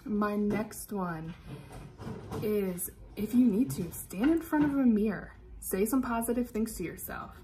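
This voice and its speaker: A young woman with an American accent, a youth club staff member giving an upbeat, expressive instructional talk to young people, with some ums along the way. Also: medium pitch, unhurried, slight background noise, rough recording.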